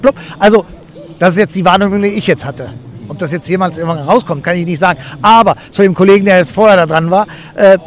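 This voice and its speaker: A man giving a street interview outdoors in a city, rambling and searching for words. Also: high-pitched. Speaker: event attendee.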